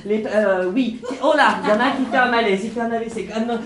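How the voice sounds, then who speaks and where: A man's voice: very high voice, fast, crowd noise. Flustered young female schoolmistress, played by a man, stammering on her first day, stage improv with audience noise, roomy sound. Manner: flustered, stammering, many hesitations.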